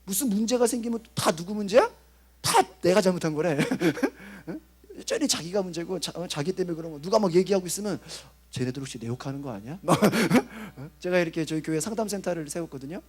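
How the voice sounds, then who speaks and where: A man, a pastor, preaching at a youth rally in a lively, conversational way, acting out inner voices and checking in with listeners. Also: sits high, fairly quick, slightly rough. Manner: animated, acts out inner voices and asks the audience "어?".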